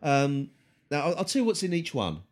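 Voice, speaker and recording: A man hosting a casual podcast chat, halting with many ums and teasing his co-hosts. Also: on the high side, very animated. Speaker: podcast host.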